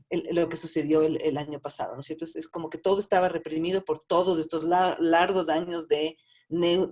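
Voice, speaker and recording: Low-voiced woman, analytical panelist, restarts often. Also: a little mellow. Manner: analytical, many restarts and hedges. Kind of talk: academic panel discussion.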